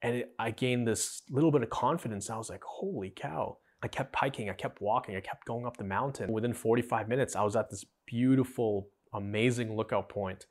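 A man's voice: medium pitch, fairly quick, few pauses. A young man hosting a podcast, telling his own story in an earnest, conversational way and acting out the dialogue. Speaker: podcast host. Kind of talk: personal storytelling.

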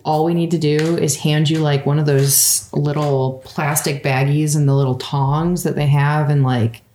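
A woman's voice: sits low, level tone, normal speed, dark tone, slight background noise. A woman co-hosting a podcast, chatting casually and teasing playfully. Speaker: podcast co-host. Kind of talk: casual chat. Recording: roomy echo.

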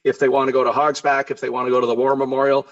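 A man's voice: mid-range voice, flat delivery, racing, muffled recording. A middle-aged man, speaking earnestly and urgently as an interview guest and stacking up emphatic lists. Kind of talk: political interview talk.

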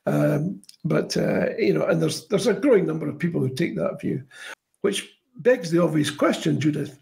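A man's voice: a little high, expressive, normal speed, vocal fry, a little mellow. A man, hosting an informal interview in a conversational style. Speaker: interview show host.

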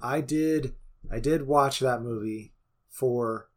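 A man's voice: mid-range voice, slow pace, slight background noise. A man co-hosting a casual movie review podcast, easygoing and agreeable, with stammering restarts. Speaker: podcast co-host.

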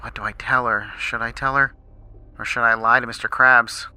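A man voicing SpongeBob, a cheerful, eager young sea sponge, in a squeaky, earnest voice during a fan story reading. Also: fairly even intonation, normal speed, sharp tone, clear, resonant tone. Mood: fretful.

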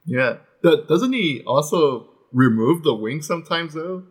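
A podcast co-host keeps things easygoing, chuckling as he steers a casual conversation that drifts from topic to topic. His voice sits on the high side, husky and lively in intonation, and he speaks unhurriedly.

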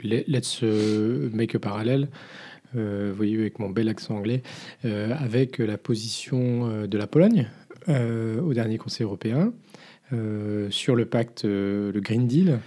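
A man's voice: fairly low pitch, a little slow, mellow. A man co-hosting a podcast, talking through the week's news in a casual, hesitant way with many filler sounds. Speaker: podcast co-host.

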